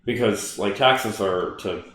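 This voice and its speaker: A man's voice: on the low side, takes it slowly, fairly bright tone, very echoey, low-quality recording. A man co-hosting a podcast in casual chat, rambling with lots of fillers and restarts, swearing now and then. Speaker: podcast co-host.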